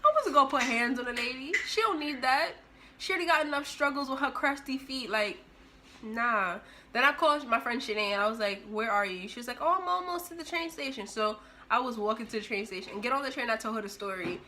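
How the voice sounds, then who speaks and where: A young woman vlogger telling a story in an animated, expressive way, acting out the scene as she goes. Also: on the high side, fast. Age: young adult. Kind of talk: storytime vlog.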